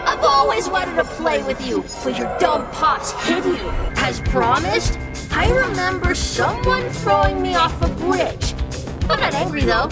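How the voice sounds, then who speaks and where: A woman's voice: very high-pitched, big pitch swings, a little slow, over loud music, heavily acted. A woman voicing a creepy, playful ghost child who talks in a teasing, sing-song way.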